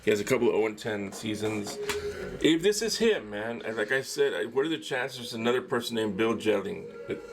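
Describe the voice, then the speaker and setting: A man's voice: lowish voice, expressive, a little fast. A man hosting a casual solo sports talk show, rambling and opinionated, with lots of fillers and a habit of ending phrases with "man.". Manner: candid, opinionated commentary. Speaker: podcast host.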